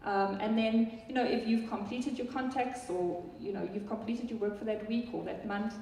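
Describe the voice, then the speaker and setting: This South African woman, presenting software live to an audience, talks chattily in a South African accent with frequent ums and restarts. Her voice is a little high, warm, and steady at normal speed, heard from far off in an echoey hall with a bit of hiss or hum.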